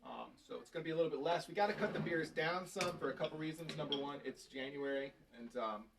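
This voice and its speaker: A man hosting a casual beer tasting chat, talking quickly and joking around with his co-host. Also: on the high side, creaky. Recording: distant mic with faint noise.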